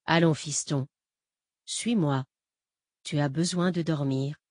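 Woman doing a calm creepy fake dad, low and quiet, talks down to the kid, dry sound. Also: takes it slowly, no echo. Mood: patronizing. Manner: soft, patronizing, soothing. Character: calm condescending impostor father, adult man.

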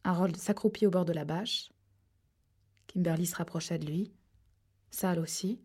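Low mellow woman narrating a thriller. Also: normal speed, husky. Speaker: audiobook narrator. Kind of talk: scripted narration.

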